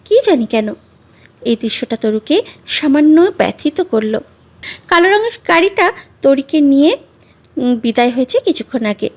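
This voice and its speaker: A woman storyteller giving expressive, measured narration of a romantic story. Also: high-pitched.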